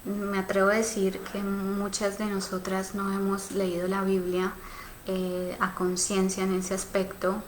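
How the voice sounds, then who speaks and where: Her delivery is completely flat, medium in pitch and measured in pace, and the poor audio carries a slight hiss or hum. This Colombian-accented woman from Cali, in her thirties, runs a casual live stream on sexuality, answering viewers reflectively with frequent fillers and tag questions.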